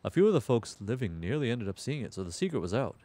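A man's voice: medium pitch, big pitch swings, fast talker, dark tone, pitched below the performer's own voice. A man voicing a sullen, casual teenage boy in a video game, reading with a reluctant delivery. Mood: wistful, resentful.

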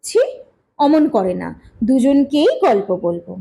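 A woman's voice: a little high, lively intonation, slow pace, vocal fry, mellow, breathy edge, heavily acted. A woman voicing a queen mother who is patient but firm with her two young sons. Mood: gentle. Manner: patient, scolding kindly.

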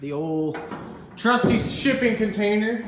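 A young man vlogs his DIY woodworking build from a farm shed and porch workshop, joking and poking fun at himself as he talks to a phone camera held or propped nearby. His voice sits high, with lively intonation and a slightly slow pace, in an echoey room with clear background noise.

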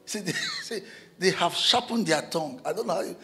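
A pastor delivers an animated sermon in church. His bright, forceful voice sits high. Soft music plays faintly behind him. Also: brisk. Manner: animated preaching with sudden shouts and chuckles.

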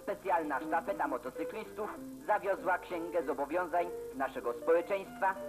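A man's voice: fairly high pitch, normal speed, poor audio. Man narrating an old newsreel. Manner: formal, declamatory reading. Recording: narration over loud guitar music.

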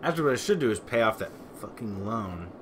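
A man's voice: lowish voice, big pitch swings, fast, noisy background. A man streaming a city-building game, chatting casually, rambling, swearing and answering his chat.

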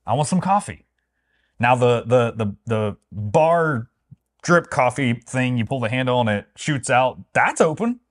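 A man with a mid-range voice and lively intonation keeps a measured pace. Co-hosting a travel vlog, he trades casual, opinionated review talk, playful and wry, with mock-serious flourishes of grandeur.

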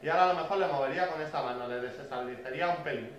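A man from telling a story to his viewers in a casual, chatty way, tagging many lines with a quick question. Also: fairly high pitch, distant mic, lo-fi sound. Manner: chatty, frequent "¿vale?" tag questions. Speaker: bird keeper vlogger. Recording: very echoey room, voice off-mic, faint hiss.

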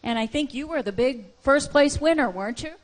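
A woman's voice: high voice, lively intonation, a little fast. A woman hosting a live outdoor stage event, interviewing children into a handheld microphone. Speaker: event host.

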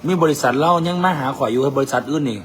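Male vlog host, Isan Thai accent, mid-pitched, teasing and loud in his humor; noisy cafe recording. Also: quick pace. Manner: teasing, boisterous, mixes in dialect. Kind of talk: casual joking banter.

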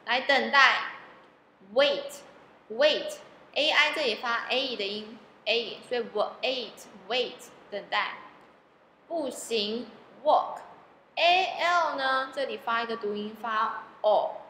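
A woman's voice: on the high side, slow, pushed and bright, slight background noise. A woman teaching English phonics, patiently spelling out letters and repeating each word several times. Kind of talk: phonics lesson, spelling out words. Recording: echoey room with long reverb, faint ambience.

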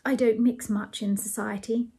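A woman's voice: fairly high pitch, steady tone, normal speed, vocal fry, slightly rough, full character voice. Woman reading a shy, dainty young Victorian lady. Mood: demure. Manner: soft, demure, gasping.

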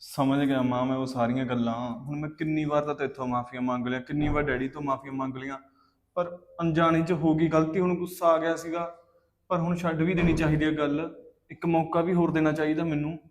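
A man's voice: on the high side, fairly quick, close to an everyday voice. A young man acting a remorseful son who pleads with his mother about his father. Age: young adult. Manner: pleading, flat-voiced. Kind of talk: Punjabi web drama acting. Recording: dull recording with faint background noise.

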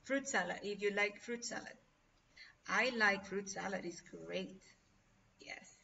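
A woman's voice: mid-range voice, a little slow, vocal fry, pushed and bright, slight background noise. A Spanish-speaking woman teaching an online English class, encouraging and often checking in with "ok?". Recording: dull lo-fi video call audio, distant from mic.

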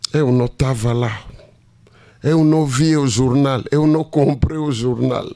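A man preaching, telling a story dramatically with hushed asides. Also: medium pitch, unhurried. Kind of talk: storytelling sermon.

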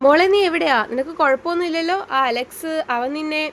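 A woman voicing a gentle young man who soothes and reassures his sweetheart in a read-aloud romance story. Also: sits high, fast. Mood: anxious. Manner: soft, coaxing.

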